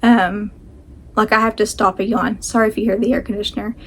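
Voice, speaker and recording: A woman's voice: medium pitch, steady tone, brisk, fairly bright tone. A woman chatting casually to camera as a vlog host, rambling and self-deprecating, talking with a sore jaw that slightly restricts her mouth.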